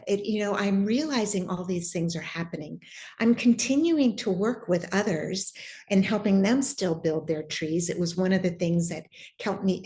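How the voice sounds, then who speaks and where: Low-voiced woman telling a spiritual story. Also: a little mellow. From Irish heritage. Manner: reflective, halting with restarts. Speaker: guest sharing spiritual story. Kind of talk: personal testimony.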